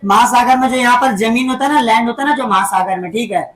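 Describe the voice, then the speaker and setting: Woman teacher, kinda high voice, keeps asking the class to say it back, lots of "right?" tags. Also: fast. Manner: keeps quizzing the class with repeat-back questions; tags sentences with "है ना" and "ठीक है बेटा". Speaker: school teacher. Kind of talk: classroom lesson.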